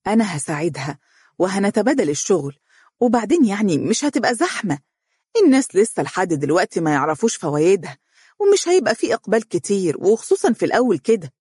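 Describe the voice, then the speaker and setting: A storyteller voicing a kindly, amused mother-in-law in Egyptian dialect, gently chiding and quick. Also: medium pitch, big pitch swings, slightly rough, no room sound, clean studio sound. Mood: fond. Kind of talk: storybook reading.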